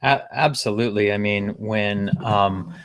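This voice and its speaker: A man co-hosts an online class, backing up the presenter with eager agreement. His voice is somewhat low, and he laughs easily. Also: steady tone, measured pace, clear, resonant tone. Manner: enthusiastic, laughs often.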